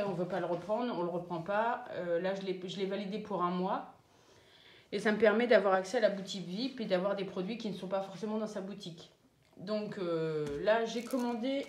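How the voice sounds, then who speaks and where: A woman chatting casually as she shows off her craft purchases, pausing often with fillers. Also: medium pitch, dark tone, roomy sound, a little hiss or hum. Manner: chatty, hesitant with many fillers. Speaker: craft vlogger. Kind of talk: casual show-and-tell.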